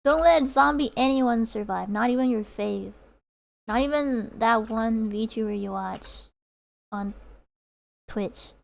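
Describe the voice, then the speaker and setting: Casting: young woman as a giggly art streamer, high voice, unhurried talk. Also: vocal fry. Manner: giggly, reads out chat. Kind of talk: casual livestream chat while drawing.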